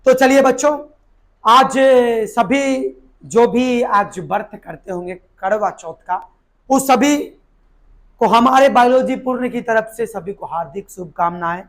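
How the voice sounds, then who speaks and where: Hoarse, high-voiced male teacher, keeps quizzing the class and answering himself. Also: unhurried, a bit bright. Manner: asks the class questions and answers them himself, repeats key words. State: hoarse from a sore throat. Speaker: biology teacher. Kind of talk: live online exam-prep lesson.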